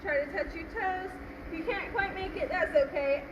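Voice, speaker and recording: A woman's voice: very high voice, moderate pace, roomy sound, dull audio. A woman gymnastics coach leading a live-streamed stretching class in a casual, encouraging way, giving instructions and counts. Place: gym floor with fans. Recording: noisy live-stream audio with steady background hum.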